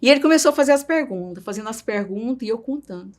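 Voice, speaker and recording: Her voice sits on the high side, animated and quick. She's a middle-aged woman with a Brazilian Portuguese accent, sharing a personal story in an interview with strong emotion and frequently tagging on a questioning "right?" as personal testimony.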